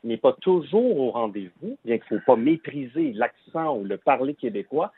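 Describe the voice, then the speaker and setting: A man speaking as a guest on a radio talk show, measured and pausing with fillers. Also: medium pitch, very animated, vocal fry, phone-quality sound, slight background noise. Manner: deliberate, hesitant with fillers. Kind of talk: radio discussion.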